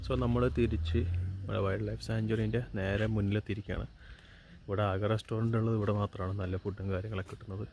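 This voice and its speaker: A man's voice: lowish voice, flat delivery, fast talker, gravelly, darkish tone. A man with a Malayali accent giving a casual walk-through vlog narration, mixing Malayalam with English words. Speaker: travel vlogger. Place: on location around a forest resort. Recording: noisy on-location recording, outdoor ambience.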